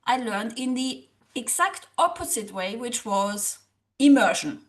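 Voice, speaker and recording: Her pace measured, a high-voiced woman speaks earnestly and animatedly as a guest in an interview conversation. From Germany and a native German speaker, she works as a social psychologist and language coach and often reenacts her earlier thoughts.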